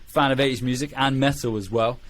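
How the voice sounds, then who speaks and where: A man's voice: mid-range voice, fairly even intonation, fast talker. A man with a British accent hosting a music production podcast, chatty and prone to digressions, with frequent ums and restarts. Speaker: podcast host. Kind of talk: casual podcast interview.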